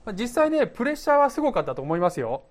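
Male pastor, conversational sermon delivery, very animated intonation. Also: very high voice, very fast. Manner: chatty, laughs at himself, tells stories.

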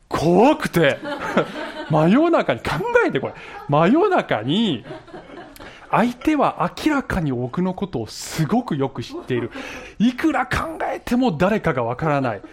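A man's voice: a little high, measured pace. A male pastor giving a sermon who tells a funny personal story with laughter. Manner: animated, laughs while telling stories.

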